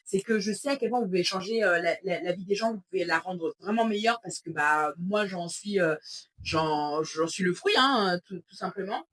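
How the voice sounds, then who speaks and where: A woman talking as a podcast guest, speaking fast, informal and heated, often ranting with slang. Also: fairly low pitch, a bit bright, poor audio. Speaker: podcast guest, business coach. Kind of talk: casual podcast conversation.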